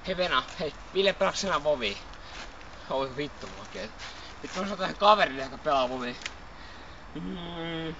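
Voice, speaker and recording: A drunk young man with a high voice rambles and slurs, swearing at nearly every turn and breaking into shouts. It sounds like a cheap, muffled home video with steady hiss behind him. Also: far from the mic. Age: young adult. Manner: slurred, rambling, swearing constantly, bursts of shouting. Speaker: friend being filmed. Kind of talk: casual drunken chatter filmed by a friend.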